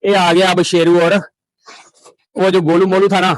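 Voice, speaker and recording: A man from Pakistan, vlogging a cattle farm tour outdoors, exclaiming in delight and coaxing the animals softly. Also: sits high, level tone, unhurried, no echo, poor audio. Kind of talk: casual walkthrough commentary.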